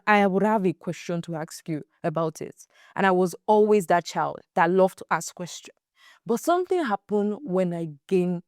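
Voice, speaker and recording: A young adult woman hosting a faith-based podcast, telling stories in a casual, animated way and acting out the quotes. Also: on the low side, no room sound, clean studio sound. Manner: animated storyteller, acts out quotes, emphatic repeats. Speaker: podcast host.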